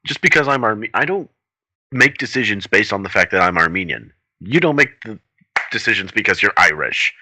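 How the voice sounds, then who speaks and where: A man's voice: on the low side, expressive, normal speed, pushed and bright, poor audio. A man co-hosting a podcast, talking politics in an earnest, rambling way with many restarts. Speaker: podcast co-host. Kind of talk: casual political chat.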